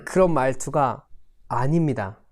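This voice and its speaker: Pastor guy doing a sunday school bible lesson, slowish careful reading, voice jumps up and down a lot when he tells stories. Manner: expressive storytelling with big swings in pitch and loudness; slow, deliberate scripture reading.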